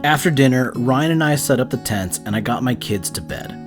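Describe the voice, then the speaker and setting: A man narrates a camping vlog in a scripted voice-over at a medium male pitch. Plucked guitar music plays clearly behind his voice. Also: animated, a little fast. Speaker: camping vlogger.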